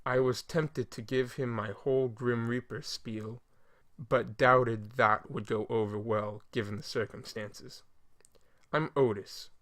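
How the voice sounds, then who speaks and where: A man's voice: mid-range voice, steady tone, a little slow, a bit bright. Man narrating a story in first person.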